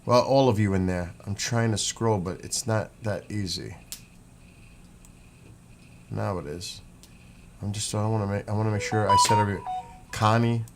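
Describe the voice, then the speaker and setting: A man's voice: fairly low pitch, moderate pace, pauses often. A man with a New York accent chatting casually as a livestream host, rambling as he greets commenters and reads out what they write. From New York state, United States. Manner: rambling, chatty, breaks off to read names and comments. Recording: clear background noise, room ambience.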